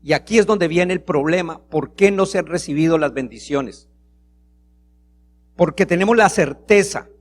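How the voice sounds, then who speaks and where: A man's voice: a little high, normal speed, a little hiss or hum. A man preaching a sermon to a congregation, reading scripture aloud and acting out a small example from family life. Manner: preaching, acts out a child's pleading voice. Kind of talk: sermon with prayer.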